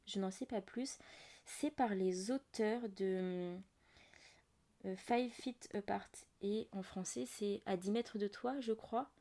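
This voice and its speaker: A young woman hosts a laid-back book podcast in a medium-pitched voice. She rambles warmly through asides and fillers. It sounds like a simple home podcast recording. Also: takes it slowly. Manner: chatty, many fillers and asides. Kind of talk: casual book chat. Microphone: audio-only podcast mic.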